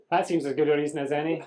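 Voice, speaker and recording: This lecturer's voice is fairly high with a darkish tone, and there's slight background noise. He gives a live medical lecture to an audience in a lecture room, chatting conversationally, questioning the class and quizzing students with dry humour.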